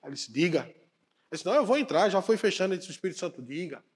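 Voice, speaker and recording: A man preaching a sermon, telling a story and acting out its dialogue in an animated way. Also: high voice, very fast, breathy edge. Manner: animated, acts out dialogue, shouts punchlines.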